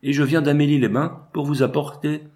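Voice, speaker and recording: A man's voice: fairly high pitch, steady tone, brisk, a little mellow, voice pushed up, lightly acted. A man reading the part of a courteous, formal provincial notary in a storybook.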